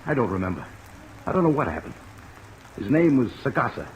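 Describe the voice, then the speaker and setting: In a 1950s radio drama, an American actor with a medium-pitched male voice plays a wary, bewildered seaman jailed for murder, speaking plainly and hesitantly at a brisk pace. The old, lo-fi recording carries steady rain noise in the background.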